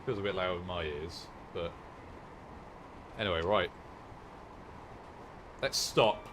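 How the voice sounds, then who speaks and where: A man's voice: low-pitched, takes it slowly, background noise. A man casually commenting on a train game live to viewers, chatty, swearing and poking fun at himself. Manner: chatty, swears, self-mocking, talks to viewers. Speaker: game streamer.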